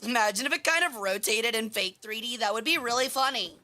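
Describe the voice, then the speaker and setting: A woman livestreaming in a cute anime-streamer manner, chatting with viewers in a bubbly, animated way and exclaiming her greetings. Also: a little high, a little fast. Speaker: VTuber streamer, host.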